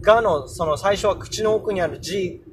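A man's voice: high-pitched, moderate pace, slight background noise. A young man casually hosting a solo podcast, explaining English pronunciation and sounding out example words aloud. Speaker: podcast host.

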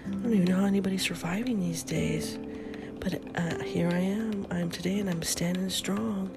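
A middle-aged woman hosts a podcast, keeping the morning chat casual and upbeat while often dropping to a half-whisper. Her voice is lowish, steady and gravelly at a normal pace, stuffy-nosed from a head cold, with music playing behind her.

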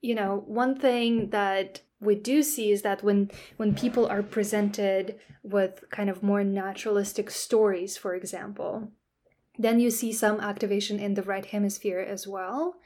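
A woman guest in an interview, patiently explaining her research in a relaxed way, often checking in with "right?". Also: medium pitch, measured pace. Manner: explains patiently, with frequent "right?" and "that kind of stuff". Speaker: scientist guest.

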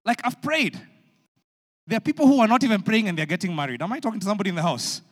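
Animated pastor in a hall. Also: male voice, high-pitched, racing. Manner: animated storytelling, acting out his younger self. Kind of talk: sermon. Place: large church hall. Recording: long hall reverb.

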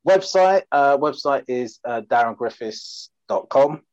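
A man's voice: medium pitch, lively intonation, a little slow, a little mellow, dry recording, muffled recording. A man from Essex with an Essex accent, chatting casually as a comedian guest on a podcast in a jokey, self-deprecating way. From Essex, England. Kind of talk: casual chat.

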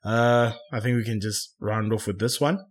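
A man hosting a casual football chat, often pausing with fillers and correcting himself. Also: lowish voice, steady tone. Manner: hesitant, self-correcting, many fillers. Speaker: podcast host.

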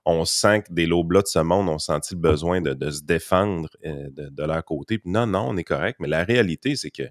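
Homme québécois à la voix très grave. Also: male voice, low-pitched, brisk, dry recording, clean studio sound. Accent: Québécois French. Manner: frank, colloquial, asks questions. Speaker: podcast co-host. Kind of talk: casual chat.

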